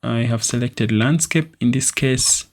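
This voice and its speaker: At a measured pace, a young man with a mid-range voice hosts a software tutorial captured from his screen. He works through the steps in a steady, explanatory manner, occasionally using fillers, from a desk in a small room.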